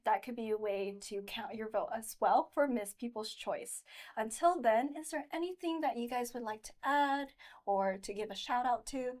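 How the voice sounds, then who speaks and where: Female interview host, higher-pitched voice, effusive and encouraging with guests. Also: a little mellow. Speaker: host and pageant coach. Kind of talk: interview hosting.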